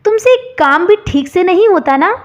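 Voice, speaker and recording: A rude, bossy young husband from a storybook tale, voiced by a woman narrator. He snaps harshly, and the voice stays high. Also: expressive, moderate pace, highs cut off. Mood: angry. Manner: harsh, insulting.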